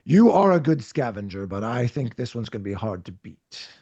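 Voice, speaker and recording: A man's voice: medium pitch, big pitch swings, normal speed, dark tone, highs cut off. A man voicing an ancient male rat king who rules the rat people, grave and regal in manner. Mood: commanding.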